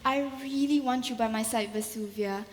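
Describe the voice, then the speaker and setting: An eager young heiress played by a woman speaks earnestly in a high, theatrical voice, ringing through a hall. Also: moderate pace, slight background noise, natural voice. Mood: pleading. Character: earnest, eager young rich gallery daughter. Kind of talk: theatrical stage acting. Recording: echoey hall.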